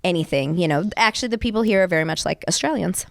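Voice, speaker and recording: A woman's voice: lowish voice, lively intonation, quick pace, gravelly. A young adult woman from Colorado, a fitness coach and gym owner, talking casually and swearing freely in a podcast interview.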